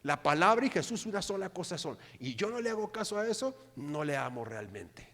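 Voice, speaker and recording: A middle-aged man, preaching a sermon with animated delivery and often asking the congregation for agreement. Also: high-pitched, fairly quick. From Mexico. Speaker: pastor. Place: church hall. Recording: long hall reverb.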